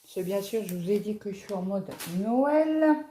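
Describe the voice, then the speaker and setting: A woman's voice: medium pitch, animated, unhurried, dark tone, a little hiss or hum. A French woman presenting a cross-stitch kit in a casual, chatty unboxing vlog, talking through it with fillers and small hesitations. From France. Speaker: craft vlogger. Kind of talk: casual unboxing show-and-tell.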